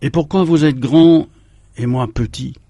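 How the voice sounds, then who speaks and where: Curious little boy asking his mother questions, voiced by a man reading his poem, low and gravelly, unhurried. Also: mellow, dry recording, studio quality. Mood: wondering. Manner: wondering, childlike questions.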